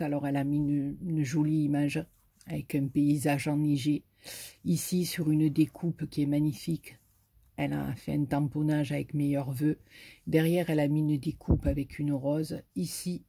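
Warm, husky southern French woman. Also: low-pitched. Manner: chatty and effusive, with many fillers. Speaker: YouTuber showing greeting cards. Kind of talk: casual chat to camera.

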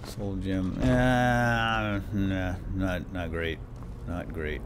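A man's voice: sits low, fairly even intonation, very slow, background noise. A man giving playful, theatrical, lightly role-played video game commentary, talking to his companion as he plays. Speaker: gaming video host. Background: game ambience and effects.

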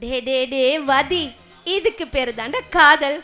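A tearful, halting young lover. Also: female voice, sits high, sharp tone. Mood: teasing. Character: young woman, emotional, teasing her beloved. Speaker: young woman in love. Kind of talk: film drama dialogue.

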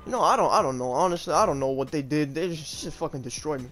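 Soft music sits under this man's fast, fairly high-pitched voice, which has a fairly bright tone. He's a gaming YouTuber riffing live on his play in loose, slangy language peppered with curses.

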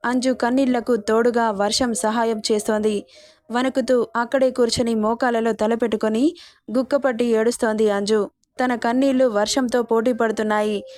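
A woman reading a serialized romance story aloud, steady and expressive. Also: a little high, no room sound.

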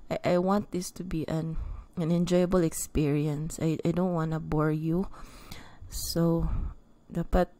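A woman's voice: low voice, little pitch movement, a little slow, mellow. A woman in her thirties with a Cebuano Filipino accent, giving an earnest motivational talk to camera at home, mixing English with Cebuano. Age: 30s. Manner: earnest, mixes English with Cebuano, repeats words. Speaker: vlogger. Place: small home room indoors. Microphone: podcast mic on stand, close.

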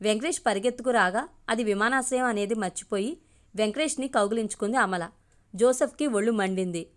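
A woman's voice: on the high side, a little fast. Woman narrating a family story.

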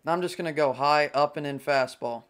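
A young man giving live commentary over a video game as a gaming YouTuber, breaking into excited and frustrated outbursts. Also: fairly high pitch, a little fast, clear, resonant tone.

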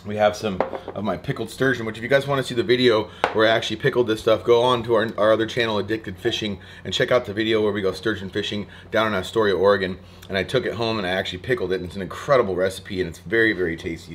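A man's voice: lowish voice, noisy background. A young man hosting a casual cooking vlog in a houseboat kitchen, talking in a chatty, rambling way with restarts, recorded on a close camera mic. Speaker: fishing vlogger.

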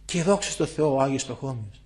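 An older man, an elder monk, giving an impassioned spiritual talk to visitors in a monastery guest room, moving from loud warnings to hushed asides. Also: medium pitch, animated.

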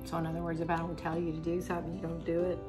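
A middle-aged woman talks casually to her viewers, often laughing and stalling as she hunts for a word. Her voice sits a little low for a woman. Faint music plays in the background. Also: completely flat delivery, very fast. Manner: chatty, laughing, searching for words. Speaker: cooking vlog host. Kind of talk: casual chat.

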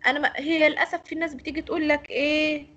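A woman's voice: sits high, flat delivery, racing, a bit bright, highs cut off, slight background noise. An Egyptian woman teaching English pronunciation in an online lecture, explaining and correcting students. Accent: Egyptian Arabic.

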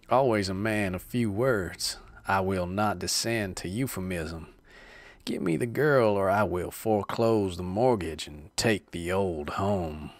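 A man's voice: low voice, dry recording. A man voicing a sinister, scheming squire who speaks sternly with a sneer.

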